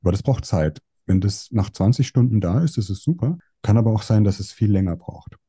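A man's voice: fairly low pitch, lively intonation, brisk, dark tone, breathy edge, no echo, studio quality. A young man, a psychoanalyst, explaining his clinical work in conversation and working through case examples. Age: young adult. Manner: explains with case examples, voices patients' lines.

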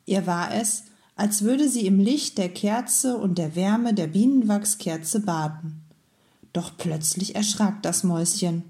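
Calm woman reading a children's story. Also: mid-range voice, slow pace. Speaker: kindergarten head reading a story.

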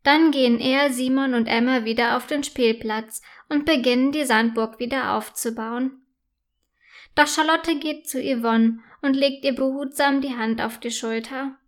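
Brief: woman storyteller, children's story narration, gentle and unhurried, high voice. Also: steady tone. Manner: slow, clear, gentle storytelling.

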